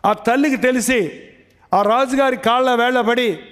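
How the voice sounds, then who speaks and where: High-voiced preacher, emphatic. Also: male voice, moderate pace, a bit bright. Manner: emphatic, repeats phrases, asks the audience questions. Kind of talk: sermon.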